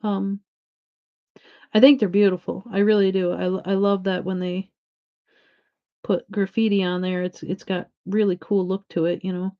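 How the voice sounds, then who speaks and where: A woman's voice: medium pitch, level tone, moderate pace, long pauses. A chatty woman talks in a mid-range voice, easygoing and rambling as she works on a painting at home. Her talk wanders and circles back as she chats with viewers. The recording is dull and lo-fi. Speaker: saw painter streaming her work. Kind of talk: casual chat while painting. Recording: dull lo-fi sound.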